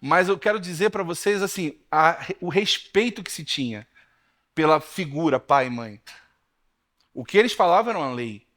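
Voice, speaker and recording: A man in his thirties with a Brazilian Portuguese accent, preaching a sermon in a church and telling stories lively to the congregation, whom he calls brothers. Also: on the high side, normal speed. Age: 30s. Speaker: pastor.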